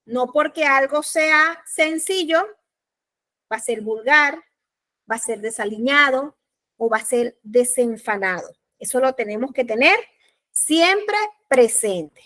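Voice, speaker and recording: A woman law lecturer with a Panamanian Spanish accent teaches a recorded class. Her voice sits high and bright. She speaks slowly and deliberately, going back over each point. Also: animated. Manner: slow, deliberate, repeats key points.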